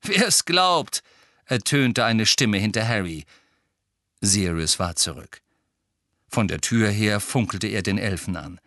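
A man narrating an audiobook in a lively, expressive reading style. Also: lowish voice, no echo, clean studio sound.

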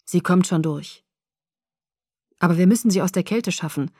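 A woman voicing a calm, matter-of-fact man who takes charge. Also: on the low side, normal speed, no echo, studio quality, lightly acted. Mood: concerned.

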